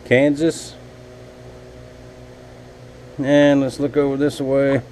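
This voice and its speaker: Talking extremely slowly in a mellow, mid-range voice with little pitch movement, a knifemaker rambles folksily to viewers he calls y'all. The casual vlog chat comes from his home workshop, and the low-quality recording has a little hiss or hum.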